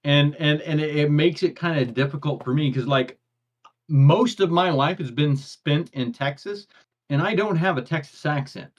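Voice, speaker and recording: An older man with grandkids co-hosts a casual podcast chat, rambling along in a high-leaning voice at normal speed and often stumbling and repeating words before a thought comes out. The lo-fi audio sounds dull.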